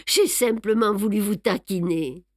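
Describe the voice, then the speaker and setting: A woman reading an audiobook, voicing a fussy, precise middle-aged male detective who speaks crisply and teases. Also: medium pitch, a little slow, no room sound, clean studio sound, lightly acted. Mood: playful. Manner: crisp, teasing, orderly. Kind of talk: audiobook character voice.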